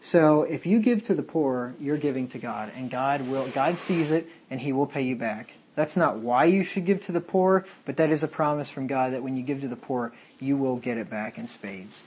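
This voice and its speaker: A man's voice: mid-range voice, normal speed, few pauses, darkish tone, slight background noise. A man, a pastor, teaching a Bible study sermon, reading King James verses aloud and explaining them.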